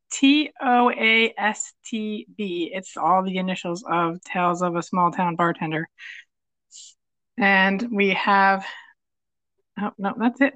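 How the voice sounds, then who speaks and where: Woman podcast co-host, casual and giggly, bright tone, trails off and corrects herself, dry close mic. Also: medium pitch, no room sound. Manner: laughs often, loses track mid-sentence. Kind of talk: casual chat.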